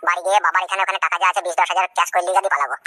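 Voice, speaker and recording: A performer voicing a scheming young village man in a comic cartoon dub, talking low and grumbling. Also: steady tone, rapid-fire, bright, forceful tone, dry recording, clean studio sound, soft background music, close to an everyday voice.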